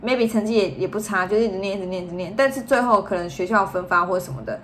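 A woman co-hosting a podcast, chatting casually with teasing remarks and quick interjections. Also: medium pitch, animated, a little hiss or hum. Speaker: podcast co-host. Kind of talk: casual chat.

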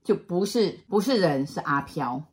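A middle-aged woman with a Taiwanese Mandarin accent tells a ghost story in casual conversation. Her voice sits a little low, and she is animated, slipping into the voices of the people in her tale and restarting her sentences as she goes. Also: normal speed. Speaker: storyteller guest.

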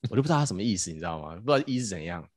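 A man, a podcast host telling a story casually and in an animated way, often restarting his phrases. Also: low voice, racing. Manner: animated, acts out quotes, stammers restarts.

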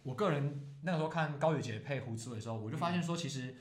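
A man's voice: mid-range voice, very fast. A man with a Taiwanese Mandarin accent in a casual sports discussion, chatty and colloquial with frequent interjections, as a podcast host. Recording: roomy echo.

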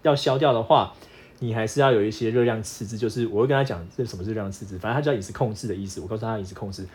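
A man's voice: fairly low pitch, racing. A man co-hosting a casual podcast with his wife, explaining workouts and diet like a coach and playfully acting out her complaints. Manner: animated, acts out his wife's whining in quotes. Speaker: podcast co-host, fitness coach. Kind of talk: casual couple chat.

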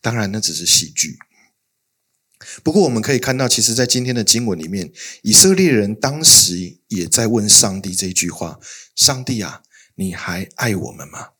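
A male pastor giving a sermon, telling stories expressively and swinging between soft, hushed passages and louder emphatic ones. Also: fairly low pitch, expressive, normal speed, slightly rough.

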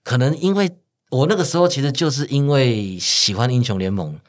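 A man's voice: medium pitch, a little fast. A man with a Taiwanese accent in casual, talkative conversation, dropping English gamer terms into his speech. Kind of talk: casual chat.

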